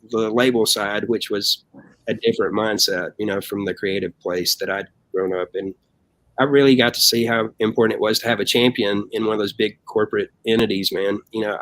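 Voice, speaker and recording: A man's voice: lowish voice, a little fast, no echo, low-quality recording. A man telling stories in a casual interview, acting out quoted voices and often saying "man". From United States. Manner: animated storyteller, acts out quotes, says "man" often. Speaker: band member guest.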